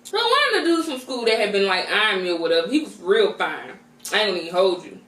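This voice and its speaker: A mukbang vlogger tells a casual, slangy storytime while eating, talking with her mouth full in an animated, conversational way. Her mid-range voice is fast, and she's far from the mic in an echoey room, making for a low-quality recording.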